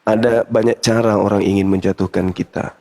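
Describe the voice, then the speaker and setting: An older man, hosting a casual chat and giving fatherly, lecturing advice with animated stories. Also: on the low side, fairly quick. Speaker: host.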